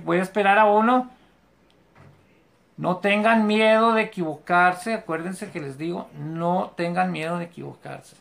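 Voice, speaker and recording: An English teacher, giving a live online class from a home bedroom and patiently repeating English examples slowly and carefully. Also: mid-range voice, gravelly, a bit bright.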